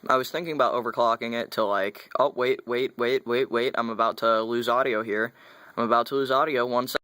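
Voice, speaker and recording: A man's voice: medium pitch, steady tone, brisk, bright, forceful tone, clear, resonant tone, no echo. A young man chatting casually as he unboxes computer parts, rambling and correcting himself as he goes. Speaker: tech vlogger.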